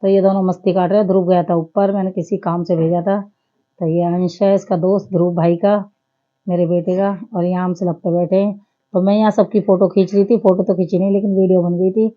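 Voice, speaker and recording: A woman's voice: on the low side, level tone, brisk, lo-fi sound. A woman in her thirties giving a chatty, homely running commentary over her family vlog. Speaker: family vlogger.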